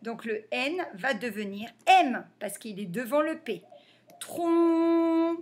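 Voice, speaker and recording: A woman teacher giving a reading lesson to young children, sounding out letters and syllables slowly and clearly. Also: on the high side, lively intonation. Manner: slow, over-articulated sounding out of letters.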